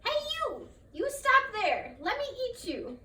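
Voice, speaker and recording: A woman acts out a hungry neighbor lady in a trickster folktale. She shouts her demands high and bright, heard a little way from the mic in a roomy space. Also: very animated, slow pace, exaggerated voice. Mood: hungry, demanding. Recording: roomy, distant mic, faint noise.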